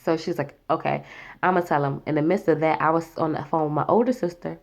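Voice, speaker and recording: Chatty low-voiced woman in her twenties. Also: steady tone, fast, gravelly. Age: 20s. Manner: chatty, acts out quoted voices. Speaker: vlogger. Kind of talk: casual storytelling.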